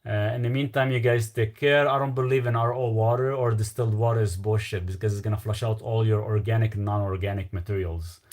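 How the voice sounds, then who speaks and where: With a fairly low, slightly mellow voice, a Lebanese-accented man talks fairly quickly and evenly, barely pausing, as he hosts a casual live stream. He reads viewer questions out loud and rambles through his replies, trailing off with fillers.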